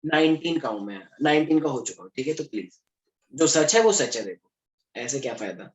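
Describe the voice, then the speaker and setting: With a mid-range, sing-song voice and a brisk pace, a young Delhi man teaches a class, joking and chatting while mixing in English terms. The lecture is recorded in a classroom with noticeable echo.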